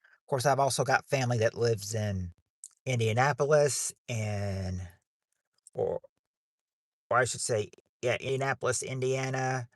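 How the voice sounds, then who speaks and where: Unhurried and pausing often, a man of medium pitch loosely chats while hosting a game night livestream, restarting sentences again and again. The audio is studio quality, free of echo.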